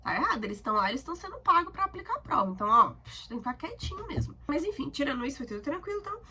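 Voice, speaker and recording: A woman's voice: high voice, racing. A talkative young woman with a Brazilian accent, chatting casually to camera as a student vlogger. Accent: Brazilian Portuguese. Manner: chatty, talkative, animated storytelling.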